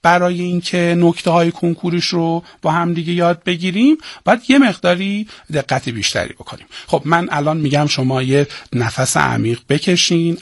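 A man teaching poetic meter for an entrance exam. He talks straight to his students, asks questions and answers them himself, and slows down to spell out each meter. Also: mid-range voice, dry recording, clean studio sound. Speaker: Persian literature teacher. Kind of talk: exam-prep lesson.

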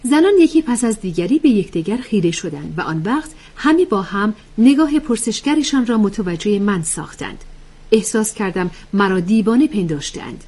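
Husky, soft-spoken woman narrating a story. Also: medium pitch, expressive. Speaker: audiobook narrator.

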